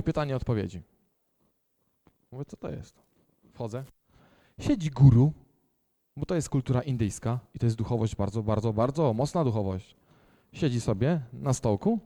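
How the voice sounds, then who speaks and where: A young man preaching a sermon, telling a personal testimony in an emphatic storytelling way with quiet asides. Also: mid-range voice.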